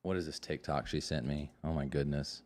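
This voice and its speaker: A man with a very deep, low voice chats loosely on a live podcast. He reads ornate text in a mock-solemn tone, laughing and stumbling over the big words. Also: fairly even intonation, a little fast, darkish tone. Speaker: podcast co-host. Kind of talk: casual live podcast chat, mock-solemn reading aloud.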